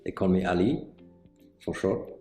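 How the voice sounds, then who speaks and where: Deep-voiced Senegalese-born man explaining calmly. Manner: measured, explanatory, with frequent "uh" pauses. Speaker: mortgage banker interviewee. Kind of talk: sit-down interview answers. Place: indoor office set with bookshelves. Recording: roomy indoor sound with faint music.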